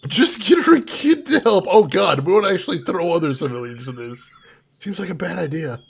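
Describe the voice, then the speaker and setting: A man giving casual live game commentary, chatting playfully to viewers with theatrical asides in a husky voice. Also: high voice, expressive, fairly quick, a crowd in the background. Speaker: game streamer, host.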